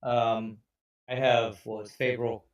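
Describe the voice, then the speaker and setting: A man's voice: mid-range voice, level tone, normal speed. A man playing a tabletop game, talking hesitantly with fillers. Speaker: player. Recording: roomy sound from a distant mic.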